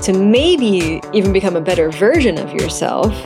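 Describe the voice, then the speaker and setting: A woman's voice: medium pitch, very animated, normal speed, over music. A woman podcast co-host with a runny nose, chatting casually in a playful, jokey way.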